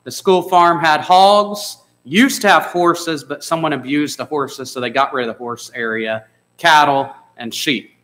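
Bright-voiced man preaching a sermon. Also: a little high, a little slow, poor audio. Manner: conversational, asks the congregation questions. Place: church sanctuary.

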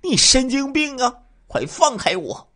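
A man voicing a brash, mocking female streetwalker who taunts in shrill bursts, as part of a dramatized crime story. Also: big pitch swings, unhurried, fairly bright tone, breathy edge, exaggerated voice. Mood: panicked.

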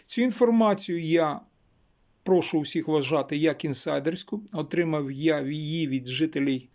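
A man's voice: fairly high pitch, moderate pace, darkish tone. Insistent man with a raised voice. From Chernivtsi region, Ukraine. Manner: insistent, repeats and stresses phrases. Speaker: local video blogger. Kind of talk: emphatic local news vlog.

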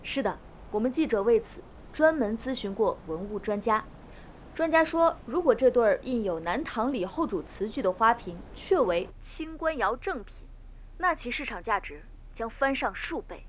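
Actress as poised female reporter, higher voice. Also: expressive, normal speed, a little hiss or hum, close to an everyday voice. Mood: courteous, formal. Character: courteous, poised female TV interviewer. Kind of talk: formal broadcast interview.

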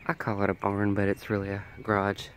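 Brisk and completely flat, a man with a lowish, allergy-stuffed nasal voice chats while filming a stroll around his backyard garden, musing aloud as he goes. A little hiss or hum runs under the recording.

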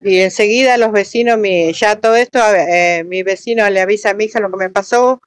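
A woman in her sixties with a Rioplatense Spanish accent, giving halting interview testimony about what happened to her, full of restarts and fillers. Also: mid-range voice, smooth, no echo. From Uruguay. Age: 60s. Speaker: robbery victim.

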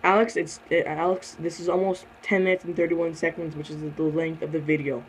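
A teenage boy hosting a casual question-and-answer chat, keeping things moving in a hurried way. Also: fairly high pitch, little pitch movement, slight background noise, rough recording. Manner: hurried, steering the talk along. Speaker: channel host.

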